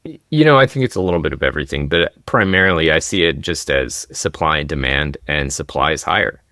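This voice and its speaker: A man's voice: a bass voice, animated, fast, sharp tone, no room sound, clean studio sound. A man speaking as an expert guest on a podcast, explaining things upbeat and enthusiastically. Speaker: travel deals expert guest. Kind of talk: podcast conversation. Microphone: podcast microphone.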